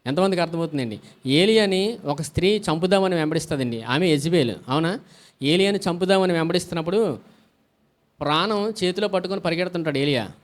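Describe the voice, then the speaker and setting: A man's voice: a little high, animated, quick pace. A male pastor preaching a sermon, asking the congregation questions, answering them himself and calling out hallelujah often. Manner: call-and-response preaching with frequent hallelujahs.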